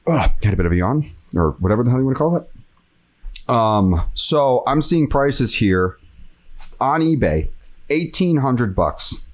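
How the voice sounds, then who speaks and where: Animated man ranting in casual chat. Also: mid-range voice, unhurried. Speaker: podcast host.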